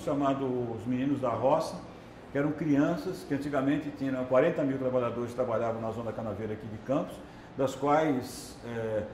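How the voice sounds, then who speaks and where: A man's voice: mid-range voice, a little mellow, roomy sound, a little hiss or hum. A man with a Brazilian accent, a documentary filmmaker giving a casual, conversational video lecture and often checking in with his listeners. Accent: Brazilian Portuguese. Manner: chatty, keeps tagging "né?" and "entendeu?".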